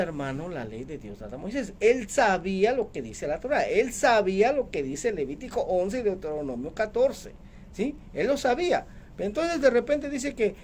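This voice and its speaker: Animated male radio preacher. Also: high-pitched, a little hiss or hum. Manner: emphatic, with many rhetorical questions, addressing listeners as brother. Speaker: preacher and radio program host. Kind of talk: radio sermon.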